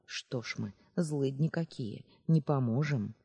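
A reader voicing a kindly, grumbling old village woman with a hoarse voice in an audiobook. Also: mid-range voice, very animated, unhurried, dark tone, no room sound. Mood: sly, gentle. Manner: good-natured grumbling, scolding. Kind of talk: audiobook character voice.

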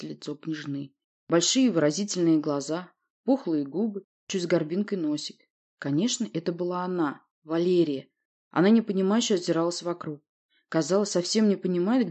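A woman reading a fantasy audiobook in steady first-person narration. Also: low-pitched, husky.

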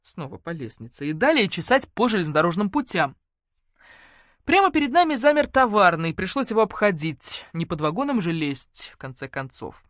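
A woman narrating a first-person novel in a wry, lively storytelling manner. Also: on the low side, moderate pace, dry recording, studio quality. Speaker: audiobook narrator.

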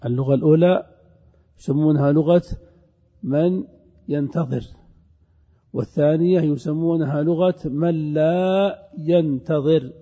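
A man teaching a classroom grammar lesson, drawing out recited verses and examples slowly and with emphasis, and calling on his students. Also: a little high. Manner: addresses students directly. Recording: reverberant hall, dull lo-fi sound.

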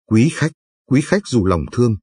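A man's voice: medium pitch, very animated, normal speed, warm tone, breathy edge, dry recording. A man voicing a frightened, timid old male innkeeper who stammers deferential pleas. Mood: pleading.

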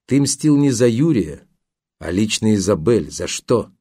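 A man's voice: lowish voice, lively intonation, measured pace, mellow, breathy edge, dry recording, clean studio sound. A male audiobook reader voicing a determined young journalist who presses hard, firm and contemptuous. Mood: pressing. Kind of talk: audiobook character voice.

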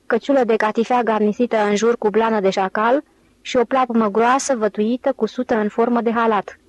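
A woman's voice: on the high side, fairly even intonation, no echo, lightly acted, poor audio. A woman reading an audiobook, voicing a self-assured man who mockingly predicts what others will do. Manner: scornful, teasing, confident.

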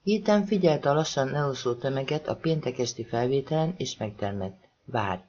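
A man reading a thriller audiobook as narrator, voicing the dialogue with shifts in pitch and loudness. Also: lively intonation, lo-fi sound. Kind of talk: scripted narration.

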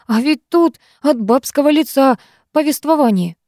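A woman voicing a cheeky teenage schoolboy who declaims loudly and theatrically, playing the class clown. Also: high-pitched, lively intonation, normal speed, no room sound, clean studio sound, voice pushed up.

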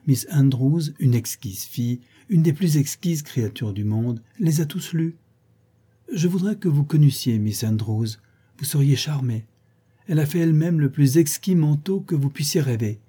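A man reading an audiobook and voicing an effusive, gossipy young woman who flatters her friend. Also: a little high, moderate pace, breathy edge. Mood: gushing.

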